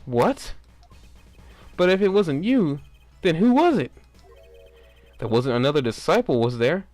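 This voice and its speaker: A man voicing a probing, excitable defence lawyer in a video game, with an expressive questioning manner. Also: on the high side, fairly quick, faint music behind. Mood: surprised.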